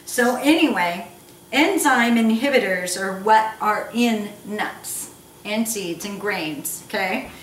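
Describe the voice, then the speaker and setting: Slow and mid-range, with a slightly bright tone, a woman runs a casual cooking show lesson full of playful humor and teasing comments. It's recorded in an echoey room on a distant mic amid background noise.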